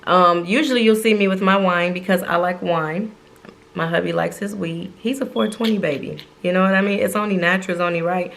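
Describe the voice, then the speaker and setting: Laid-back woman chatting with her partner, joking around, voice a bit gravelly. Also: fairly low pitch, steady tone, a little fast, fairly bright tone. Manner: playful, chatty, laughs often. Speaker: co-host of a couple's channel. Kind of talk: casual chat.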